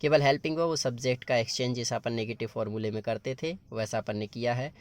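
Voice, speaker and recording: A man's voice: medium pitch, quick pace, no room sound. A male teacher explaining grammar patiently, step by step, in a classroom-lesson style. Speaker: English teacher.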